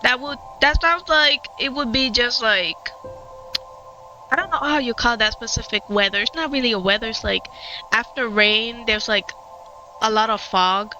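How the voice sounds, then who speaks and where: A young game streamer from Puerto Rico, a native Spanish speaker with a Puerto Rican Spanish accent, rambles through casual let's-play commentary over game music. Her fairly high voice is pushed and bright at normal speed, full of fillers and restarts, on a lo-fi recording.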